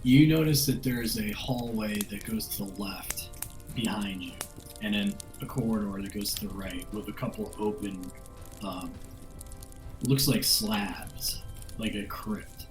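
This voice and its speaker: A man's voice: fairly low pitch, unhurried, roomy sound, faint music behind, poor audio. A man narrating as dungeon master of a tabletop game, hesitant with many fillers.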